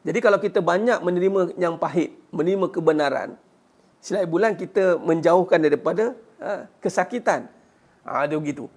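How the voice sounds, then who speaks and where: Male religious teacher, high voice, gravelly edge, earnest lecture, rhetorical questions. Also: fairly quick, darkish tone. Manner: punctuates points with "ha" and rhetorical questions; earnest, urging listeners to fight back.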